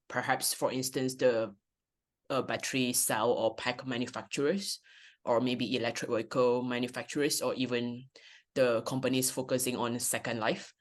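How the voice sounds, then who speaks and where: A male host opens the conversation and poses questions over a video call, stopping often to fill pauses. His voice sits at an ordinary middle pitch. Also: a bit bright. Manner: halting, filler-heavy phrasing. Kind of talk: interview questions.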